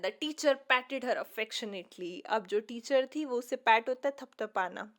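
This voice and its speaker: High-voiced woman explaining a story slowly. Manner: reads English lines slowly, then explains them in Hindi. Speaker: English teacher. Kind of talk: line-by-line lesson explanation.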